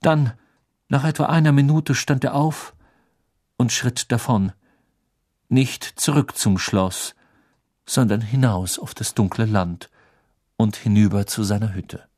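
A man reading a fantasy novel aloud as narrator, with expressive storytelling. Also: mid-range voice, takes it slowly, long pauses, no room sound, clean studio sound. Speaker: audiobook narrator. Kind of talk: scripted narration.

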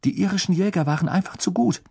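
Harry, a man doing a quick-talking teen boy. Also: high-pitched, gravelly, husky, no room sound, clean studio sound, pitched above the performer's own voice, heavily acted. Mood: explaining.

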